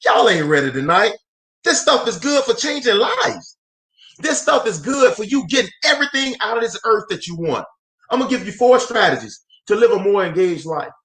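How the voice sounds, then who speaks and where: Sing-song and high-pitched, this forties-aged motivational speaker and host talks at normal speed with a fairly bright tone. His fervent live talk follows a preacher's cadence, full of repeated phrases and calls to viewers.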